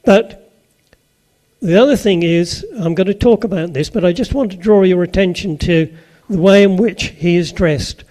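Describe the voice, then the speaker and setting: An older man with a Suffolk English accent, from Suffolk, England, speaks at normal speed in a high-pitched, dark-toned voice. His anecdotal sermon to the live audience is conversational, with questions thrown to listeners and jokey asides along the way.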